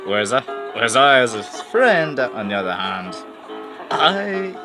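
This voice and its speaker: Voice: mid-range voice, very animated, unhurried. A person giving casual reaction commentary in hesitant mutters with dry understatement. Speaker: friend taking part in a reaction challenge. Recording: loud guitar music behind the voice.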